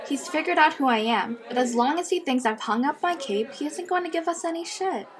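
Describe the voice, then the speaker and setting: Cocky high-voiced schoolgirl vigilante Hit-Girl, played by a woman. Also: expressive, fairly quick. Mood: cocky, eager. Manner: matter-of-fact, cocky, foul-mouthed. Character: brash, tough schoolgirl vigilante, fiercely devoted to late father. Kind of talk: comic dub narration and dialogue. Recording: music behind the voice.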